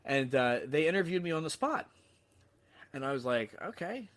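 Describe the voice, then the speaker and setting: A man spinning a story as a podcast guest, animated and self-deprecating. He stumbles and restarts often and swears casually. His voice sits in an ordinary middle pitch. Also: normal speed. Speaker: podcast guest, sales trainer.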